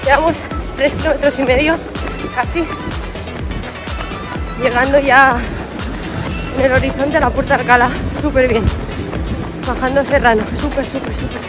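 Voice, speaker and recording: A woman in her twenties from Spain with a Spanish accent, vlogging out of breath and loudly into her phone while running outdoors. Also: sits high, steady tone, moderate pace, pauses often. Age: 20s. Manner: speaking while running, exerted and loud. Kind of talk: vlog to camera. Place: outdoors on a wide city street. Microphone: phone at arm's length. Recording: busy street race, crowd and music behind.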